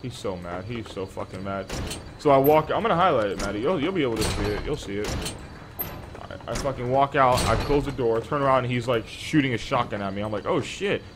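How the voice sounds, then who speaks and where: A man's voice: medium pitch, animated, fairly quick, noisy background. A young man streaming an online survival game, chatting casually with teammates; he is sleepy, profane and trash-talking, and he rambles through stories.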